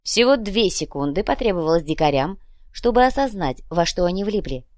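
Brief: woman audiobook narrator, steady storytelling, close dry recording. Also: on the low side, a little fast, no room sound. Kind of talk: scripted narration.

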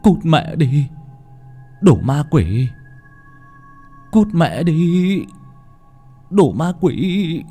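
A man's voice: on the high side, big pitch swings, very slow, pauses often, dark tone, breathy edge, soft background music, pitched above the performer's own voice, full character voice. A man voicing a terrified young man who stammers and repeats his words.

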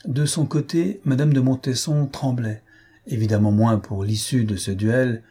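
Male reader, dark husky tone, steady novel narration. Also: medium pitch, measured pace. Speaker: audiobook reader. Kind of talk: reading a classic novel aloud.

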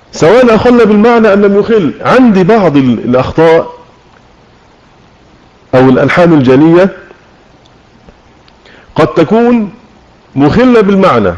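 A man with an Egyptian accent teaching a religious lesson, explaining with questions to his listeners and slowing down to demonstrate recitation. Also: fairly high pitch, darkish tone. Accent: Egyptian Arabic. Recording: muffled lo-fi online audio room.

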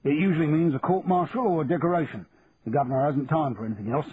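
A man's voice: a little high, fast talker, lightly acted. A man voicing a blunt, world-weary duty sergeant giving a warning. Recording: tinny phone-like, faint hiss.

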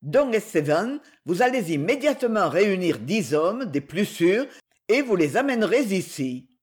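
A man's voice: sits high, sing-song, moderate pace. A man voicing a stern, commanding male leader who gives firm orders.

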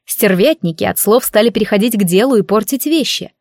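A woman narrating a novel in the first person, in a lively storytelling manner. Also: mid-range voice, brisk, dry recording, studio quality. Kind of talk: audiobook narration.

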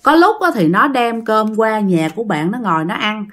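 A woman's voice: mid-range voice, big pitch swings, normal speed, a bit bright. Chatty woman telling ghost stories. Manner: chatty, addresses listeners often, many fillers. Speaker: storyteller. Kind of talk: casual ghost story retelling.

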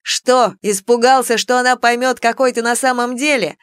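A woman's voice: fairly even intonation, normal speed, smooth, dry recording, clean studio sound, natural voice. A woman voicing a proud, hot-headed young male dragon suitor with a pompous, theatrical manner. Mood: taunting. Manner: pompous, theatrical, shrill outbursts.

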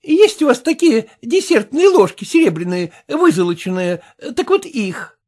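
A woman reads from a storybook, voicing a grasping middle-aged woman who haggles shrilly and insistently. Her voice sits on the high side, higher than her own natural voice, with big pitch swings, a darkish tone, and a normal speed.

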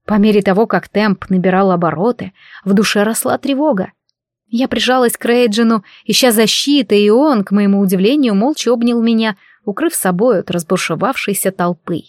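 A woman's voice: medium pitch, brisk, darkish tone, no echo. Woman reading a novel aloud, dry sound. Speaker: audiobook narrator. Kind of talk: first-person novel narration.

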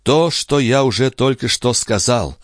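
A man's voice: medium pitch, a little slow, dry recording, studio quality, voice pushed up, close to an everyday voice. A man voicing a desperate young commoner who pleads and trembles, turning cold and cutting. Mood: pleading.

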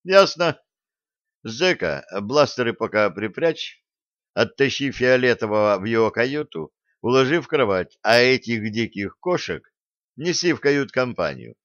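A man's voice: medium pitch, very animated, measured pace, fairly bright tone, dry recording. A man reading an audiobook, voicing a harried, short-tempered young starship captain who barks orders. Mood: exasperated. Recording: dull dry close recording.

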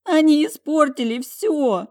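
A woman reading an audiobook voices a tearful young woman who pleads and sobs in a high, loud voice. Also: lively intonation, a little slow. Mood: sobbing, pleading. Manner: sobbing, pleading and shrill.

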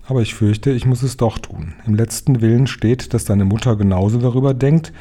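A man voicing a serious, protective old grandmother who smokes cigars, speaking calmly and earnestly. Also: medium pitch, fairly quick, lightly acted.

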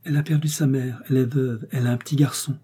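A man voicing a shy, kind young woman who asks timid, gentle questions in a storybook reading. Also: mid-range voice, steady tone, fast, slightly rough, voice pushed up, lightly acted.

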